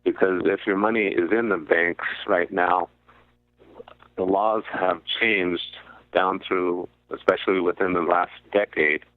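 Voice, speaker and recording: A guest commentator on a radio show explains finance in a very deep male voice. He comes through a muffled, narrow, phone-like line with no room sound.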